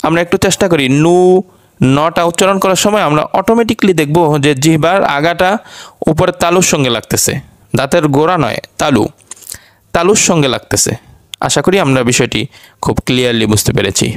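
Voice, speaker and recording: A man gives a recitation lesson. His voice is smooth and resonant and sits a little high. He repeats each letter sound slowly and patiently, over and over. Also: dry recording, clean studio sound. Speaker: Quran recitation teacher.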